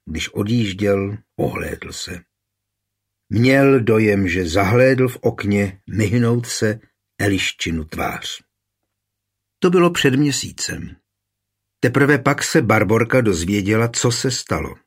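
A man reads a historical novel aloud as an audiobook narrator, in a steady storytelling manner. His voice is low and husky, even and unhurried. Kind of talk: scripted narration.

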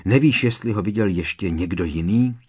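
A man voicing a calm, brisk old male headmaster over 60 who speaks low and quietly in an audiobook. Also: husky. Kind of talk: audiobook character voice.

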